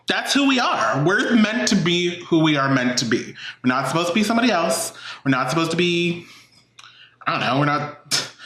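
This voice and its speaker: A man's voice: a little high, fairly bright tone. Chatty man hosting a food vlog, echoey room. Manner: chatty and encouraging, many "um" and "like" fillers. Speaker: cooking channel host. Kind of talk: casual mukbang vlog talk. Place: home kitchen.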